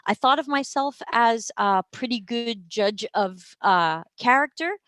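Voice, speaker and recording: A woman's voice: medium pitch, a bit bright, dry recording. Chatty woman in her forties, dry close sound. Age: 40s. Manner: chatty, self-deprecating, lots of ums and uhs. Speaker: UX professional telling her story. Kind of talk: casual live-stream monologue.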